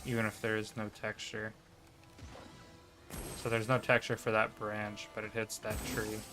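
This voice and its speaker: Male streamer, casual thinking-aloud commentary, mid pitch, faint game music. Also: flat delivery, moderate pace.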